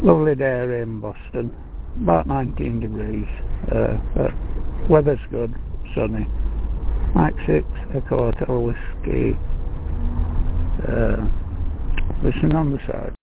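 A man's voice: mid-range voice, takes it slowly, gravelly, long pauses. A man calling in on amateur radio, heard over a two-way radio and reading out call signs in the phonetic alphabet. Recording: tinny radio link with faint hiss.

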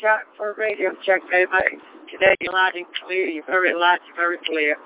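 Man over crackly two-way radio. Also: high-pitched. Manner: brisk, friendly call-sign chatter. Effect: heard over a radio transceiver with static bursts. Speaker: amateur radio operator. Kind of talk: radio check exchange. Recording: tinny radio receiver with static hiss.

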